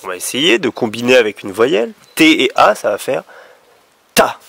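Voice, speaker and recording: A man's voice: mid-range voice, very animated, moderate pace, creaky, a bit bright, slightly rough, dry recording. A man teaching young children letter sounds, patiently drawing out each sound. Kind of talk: phonics lesson for young children.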